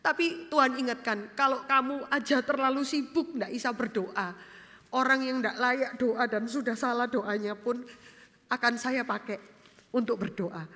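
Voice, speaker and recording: Woman pastor, fairly high voice, lively sermon delivery, reverberant church hall. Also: a little slow. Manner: animated storytelling, acts out quoted dialogue; swings between loud emphasis and soft low asides. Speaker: vicar preaching.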